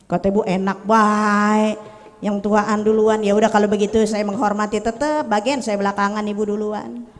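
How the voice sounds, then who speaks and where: A woman's voice: medium pitch, steady tone, moderate pace. A woman preacher tells a story in a sermon, joking and bantering with the audience. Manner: playful, jokes and banters with the audience. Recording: long reverb of a hall.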